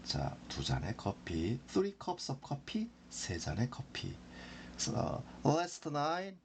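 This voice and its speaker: Slow, gravelly man teaching English. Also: medium pitch, huge pitch swings, slight background noise. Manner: repeats phrases slowly for drilling. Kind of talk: slow explanatory lesson.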